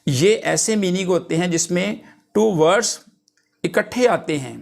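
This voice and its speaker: A male English teacher giving a lecture, reading definitions out slowly and then explaining them in plain terms. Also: high voice, creaky, a little mellow.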